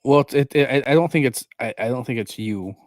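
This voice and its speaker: A man's voice: medium pitch, fast, a little mellow, no echo. A man co-hosting a casual streamed podcast chat, often repeating words as he starts a sentence. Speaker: podcast co-host.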